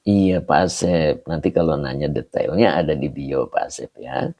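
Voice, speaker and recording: In a livestream lesson on an Islamic text, a man slowly explains Arabic words and greets viewers by name from the comments. His rumbling low, dark voice sounds slightly hoarse, and he clears his throat now and then.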